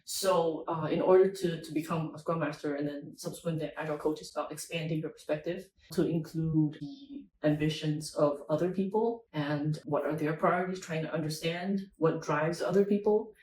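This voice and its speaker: A woman's voice: low-pitched, fairly even intonation, normal speed, darkish tone. A young woman answers interview questions in a friendly, thoughtful way and often restarts her phrases. She sounds distant from the mic in an echoey conference venue. A faint hum of noise runs behind her. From Singapore. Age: young adult. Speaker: interview guest, agile coach. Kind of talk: casual interview.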